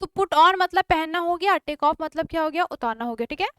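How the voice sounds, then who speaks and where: A woman's voice: very high-pitched, lively intonation, a little fast, fairly bright tone, no echo, studio quality. A woman with an Indian accent teaching a spoken English class online, explaining step by step and often checking whether everyone follows.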